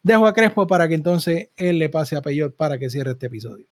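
Male podcast host, Puerto Rican accent, slightly high voice in a dry recording, informal and chatty. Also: animated, brisk, no echo. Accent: Puerto Rican Spanish. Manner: informal, conversational. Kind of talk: casual podcast hosting.

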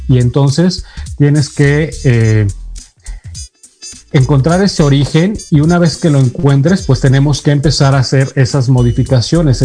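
A man with a mellow, warm voice gives a motivational self-help talk, addressing the listener directly. He keeps checking in with short questions as he explains. Soft music plays faintly behind him. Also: medium pitch.

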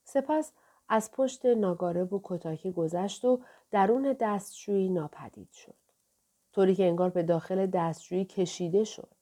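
A woman narrating an audiobook in a calm, measured, gentle way. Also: mid-range voice. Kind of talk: scripted narration.

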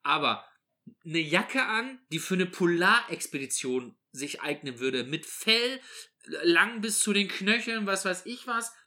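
Guy on a podcast ranting, really bright forceful voice, a bit high. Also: unhurried. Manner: ranting, animated, exaggerating. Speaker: podcast co-host. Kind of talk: casual podcast banter.

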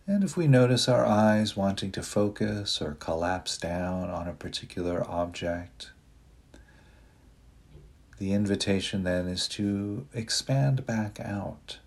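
Speaking low and breathy, a man leads a guided meditation. His instructions are soft and gentle, never rushed, and separated by long silences.

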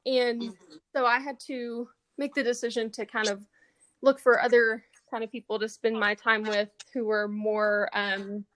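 A young woman in her twenties from East Texas, a college senior answering interview questions in a soft, halting way with many ums. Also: fairly high pitch, little pitch movement. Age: 20s. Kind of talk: casual interview.

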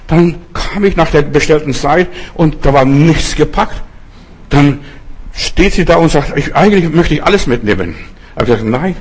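A man's voice: mid-range voice, slightly rough. An older man, a pastor, preaching a sermon full of personal stories and talking straight to his listeners.

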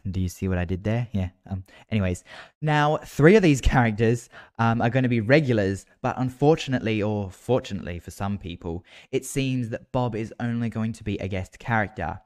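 A man's voice: fairly low pitch, darkish tone, smooth. An Australian man hosting a podcast, talking in a casual, chatty and informal way. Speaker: podcast host. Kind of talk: casual solo podcast chat about a TV soap.

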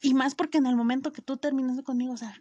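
A woman's voice: sits high, fairly even intonation, fast, warm tone, no room sound, lo-fi sound. A young Mexican woman chats straight to her viewers, spilling a personal story in loose, slangy speech peppered with swearing and fillers. She keeps cutting herself off and starting over. The sound is dry and close, with no room around her voice. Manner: frequent self-interrupting restarts. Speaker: vlogger.

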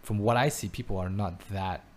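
At home in Taiwan, a Belgium-raised man chats casually at a moderate pace, his lowish voice a little mellow, with slight background noise. He sounds hesitant, often starting over and repeating words.

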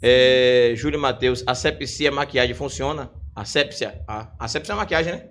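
A man's voice: mid-range voice, moderate pace, fairly bright tone. A man hosting a live podcast, joking and teasing while reading out viewer comments in casual chat. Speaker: podcast host.

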